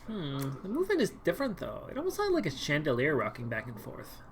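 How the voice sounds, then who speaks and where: A woman's voice: deep voice, wildly swooping pitch, fast talker, slight background noise. A woman streamer reading a dating game aloud in a dramatic way, full of sarcastic, wry asides and exaggerated outbursts. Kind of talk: dramatic game read-through.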